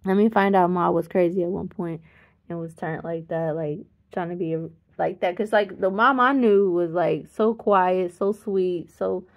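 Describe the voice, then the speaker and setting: A woman's voice: on the low side, normal speed. A tired woman in her thirties tells a family story in casual, rambling talk. She corrects herself often and chuckles partway through sentences. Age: 30s. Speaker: vlogger. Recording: slightly dull lo-fi sound.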